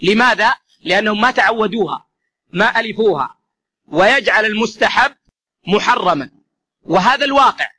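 A man's voice: high-pitched, animated, normal speed, long pauses, sharp tone. A man giving an explanatory religious lesson, addressing listeners as brothers and repeating key phrases for emphasis. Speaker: religious teacher.

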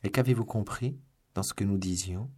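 A man's voice: on the low side, moderate pace, warm tone, breathy edge. A man voicing an anxious, urgent young woman in an audiobook. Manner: urgent, worried. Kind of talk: audiobook reading.

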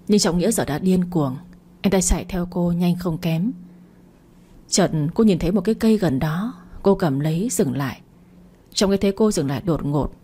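A woman with a lowish, dark, slightly rough voice reads a story aloud. She narrates and briefly takes on every character herself, shifting her voice lightly for each.

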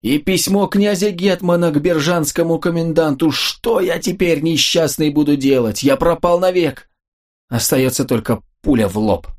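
A man voicing a panicking, simple-minded young officer in an audiobook, with loud anguished outbursts. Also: mid-range voice, normal speed, lightly acted. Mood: despairing.

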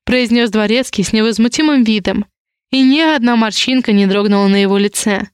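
Woman audiobook narrator, steady expressive reading, smooth resonant voice, dry close mic. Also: on the high side, fairly quick, dry recording.

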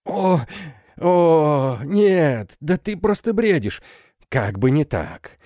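A man's voice: on the high side, animated, measured pace, mellow, no room sound, clean studio sound, voice pushed up. A man voicing a half-mad older woman, a recluse mother, who talks wildly and tearfully in an audiobook. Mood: frantic. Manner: wild, tearful, swinging between joy and terror. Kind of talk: audiobook character voice.

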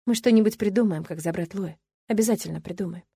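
A defiant young man speaks firmly and steadily in defense of the people he loves, as a woman reading the story gives him voice. His voice stays even and resolved. The sound is dry and close. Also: mid-range voice, quick pace, vocal fry, slightly rough, no echo. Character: young man, defiant son, protective and firm.

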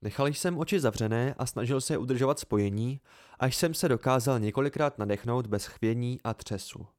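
A man narrating a first-person fantasy novel as an amateur audiobook reader, in a measured, even storytelling way. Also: mid-range voice.

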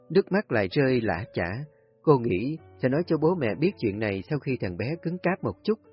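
A man calmly narrating a family story in a steady storytelling voice. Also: mid-range voice. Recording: husky voice, dull lo-fi audio, faint music.

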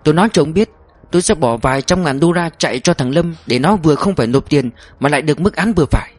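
Male reader as defiant wealthy older mother; scornful, cutting, raised pitch. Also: fast, no echo, natural voice.

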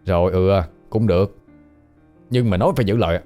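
A man's voice: deep voice, brisk, dark tone, soft background music, lightly acted. A man voicing a coarse, teasing male ghost who has haunted a house for a century, talking in blunt slang.

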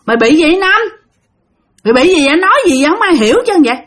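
A woman voicing rowdy middle-aged village men who loudly scold a drinking buddy. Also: high voice, lively intonation, fast talker, voice pushed up. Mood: rowdy, demanding. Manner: loud, pushy, scolding.

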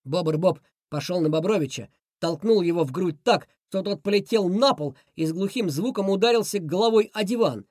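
A woman narrating a children's adventure audiobook in a lively, expressive way. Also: fairly low pitch, normal speed, hardly any pauses, no echo, studio quality. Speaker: audiobook reader. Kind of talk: scripted storybook narration.

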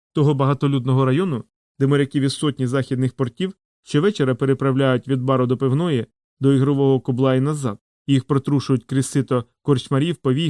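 A man's voice: medium pitch, warm tone, dry recording. Man narrating an audiobook, dry close sound.

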